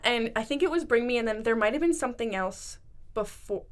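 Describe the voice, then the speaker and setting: A woman co-hosting a podcast, telling an animated festival story in casual chat and swearing freely. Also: fairly high pitch, brisk. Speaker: podcast co-host.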